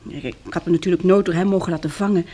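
This actress plays a well-off young woman in a Dutch radio drama, a disaster survivor who is shaken but still plucky. Here her slightly breathy voice runs lowish and dark, the tone steady, the pace racing, the mood weary and intimate.

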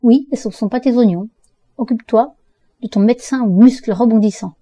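A curt, mocking older brother speaks, read by a woman in an audiobook. The tone is dark and mellow, never bright, recorded close and dry. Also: a little high, fairly quick, no echo, natural voice. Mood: defiant. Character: adult man, touchy tipsy older brother. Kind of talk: audiobook dialogue reading.

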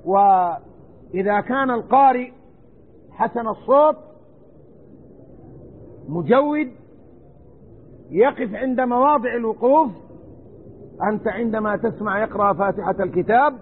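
A man teaching a religious lesson on Quran commentary, speaking earnestly and addressing his listeners directly. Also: very high voice. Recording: tinny narrow-band recording with faint noise.

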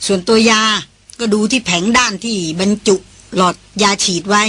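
A woman voicing a sharp-tongued, tense woman doctor in an audiobook, sarcastic and commanding. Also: on the high side, breathy edge, dry recording, full character voice.

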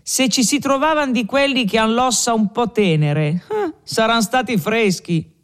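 A man voicing a cheerful, boastful young male peasant in an audiobook, exclaiming loudly and with gusto. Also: very high-pitched, lively intonation, measured pace, clear, resonant tone, pitched above the performer's own voice. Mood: jovial. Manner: exuberant, loud exclamations.

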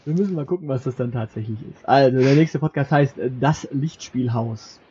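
A podcast co-host reads from a list and cracks jokes as he goes, bantering casually. His medium-pitched voice is warm and fairly quick. The muffled lo-fi recording has background noise.

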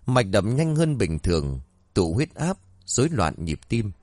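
A man narrating a scripted horror story with an expressive storytelling delivery. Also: on the low side, unhurried, dry recording, clean studio sound.

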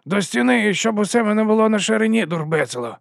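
Give me a man playing a cowardly, scruffy watchman, high and nervous. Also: animated, quick pace, creaky, no echo, clean studio sound, full character voice. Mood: sly.

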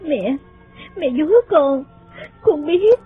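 A man reading an audiobook voices a frail, sickly young woman in a soft, tearful, pleading way. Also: very high-pitched, expressive, takes it slowly, pitched above the performer's own voice, heavily acted. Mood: sorrowful pleading. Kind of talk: audiobook character voice. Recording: phone-like sound, faint music.

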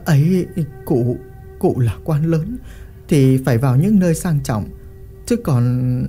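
Brief: reader doing a meek village husband, hesitant and deferential, mellow voice. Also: medium pitch, breathy edge. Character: humble anxious young peasant husband.

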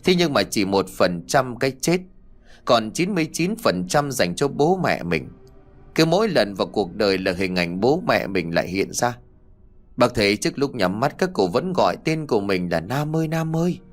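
A man's voice: mid-range voice, big pitch swings, normal speed, faint music behind, lightly acted. A man voicing an older male hired funeral mourner, talking in a reflective, confiding way. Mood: sorrowful.

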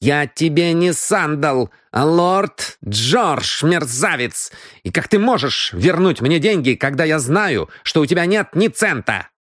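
A man's voice: high-pitched, big pitch swings, slow pace, few pauses, breathy edge, dry recording, clean studio sound, voice pushed up, exaggerated voice. A man voicing an angry, hot-tempered young lord who bursts out indignantly.

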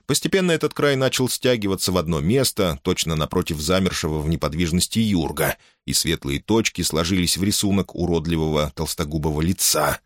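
A man giving an expressive, theatrical audiobook reading of a sci-fi story, with sharp pitch rises for the characters' lines. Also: a little fast, hardly any pauses, dry recording, studio quality. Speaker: audiobook narrator.

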